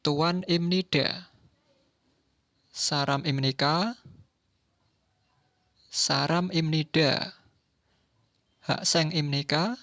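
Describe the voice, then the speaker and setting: Very slow man reading a language lesson. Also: fairly high pitch, steady tone, fairly bright tone, no room sound. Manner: slow, reads each word then its translation. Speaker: language teacher. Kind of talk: textbook lesson narration.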